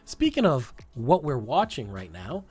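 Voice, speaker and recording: A man's voice: medium pitch, measured pace, slightly rough, no echo, faint music behind. Rambling man with a Massachusetts accent. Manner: rambling, animated, self-interrupting. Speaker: podcast co-host. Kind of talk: casual podcast chat.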